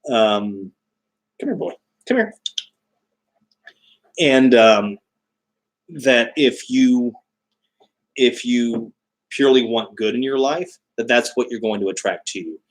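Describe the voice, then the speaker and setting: A man chatting casually as a livestream host, halting often as he searches for his words. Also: mid-range voice, rough recording. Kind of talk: casual live chat explaining spiritual beliefs.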